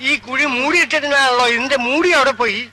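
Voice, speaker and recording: An actor playing an anxious servant warning about a deep pit in a film. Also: male voice, fast, heavy background noise. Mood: worried. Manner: worried, cautious. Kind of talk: Malayalam film acting.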